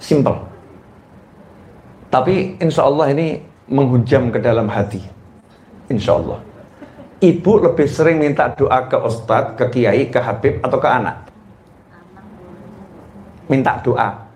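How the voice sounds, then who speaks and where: Playful Indonesian preacher in an echoey hall. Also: male voice, expressive, unhurried, pauses often, a little mellow, a little hiss or hum. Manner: playful, teasing the audience with questions; jumps into high squealing mimicry of mothers. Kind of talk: sermon. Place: hall with a live audience.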